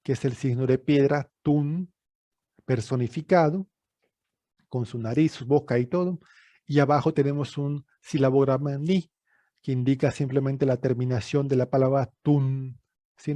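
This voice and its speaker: A man's voice: mid-range voice, steady tone, normal speed, dark tone, no room sound. A man from Yucatán, Mexico, with a Yucatecan Spanish accent, giving a recorded lecture as an archaeologist, explaining step by step with frequent fillers and check-in questions.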